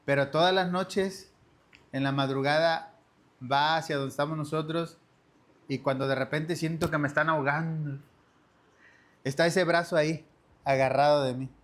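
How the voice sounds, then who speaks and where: A man's voice: on the high side, fairly even intonation, normal speed, pauses often. A man teaching a church discipleship lesson in an earnest sermon style, often addressing his listeners as brothers and sisters.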